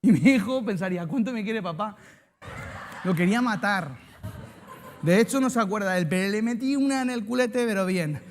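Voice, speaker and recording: Man, Spanish accent, pastor, sermon, very high-pitched, humorous anecdotes, chats with congregation. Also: expressive, fairly quick. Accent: Spanish from Spain. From Spain. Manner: jokey storytelling, banter with the congregation.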